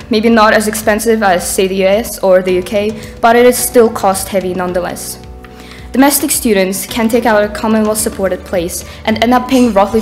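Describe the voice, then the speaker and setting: A teenage girl from Ukraine, a student speaker, reads a prepared speech from notes at a lectern on a conference stage in a dark hall. Her mid-pitched voice is earnest and builds in intensity toward the end.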